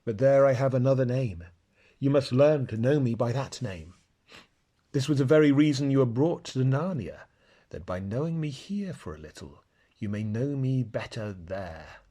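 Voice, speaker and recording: A man voicing a great, gentle, wise male lion in a storybook reading, speaking low, slow and husky, close to a whisper. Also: lively intonation, natural voice. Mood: tender.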